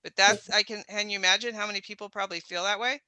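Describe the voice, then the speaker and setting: Bright, crisp voice in dry chat. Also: mid-range voice, fairly even intonation, fast talker, dry recording. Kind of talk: casual chat.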